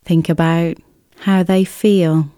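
A woman guides a relaxation exercise in a mellow, smooth voice. She moves very slowly through each scripted instruction, gentle and soothing, leaving unhurried pauses. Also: fairly low pitch, steady tone, no room sound, clean studio sound. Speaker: relaxation therapist guiding an exercise. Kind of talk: scripted guided relaxation, body scan meditation.

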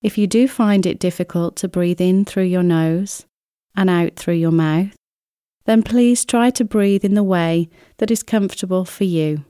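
A woman reading a scripted guided relaxation as a therapist, in a soothing, gentle way with long, unhurried pauses. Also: on the low side, clear, resonant tone, dry recording, studio quality. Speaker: relaxation therapist guiding an exercise. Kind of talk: scripted guided relaxation, body scan meditation.

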